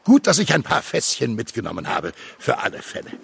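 A hearty, practical seafarer played by a man in a comic audio drama. His medium-pitched voice is extremely creaky and gravelly, with clear ambient noise behind it. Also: huge pitch swings, a little fast, exaggerated voice. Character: practical, generous seafarer with beer barrels aboard.

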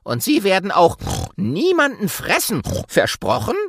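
A man's voice: high voice, huge pitch swings, a little slow, gravelly, a bit bright, slightly rough, no room sound, clean studio sound, voice pushed up, exaggerated voice. A man voicing a cheeky, playful young pig who teases cheerfully. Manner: teasing, cheerful.

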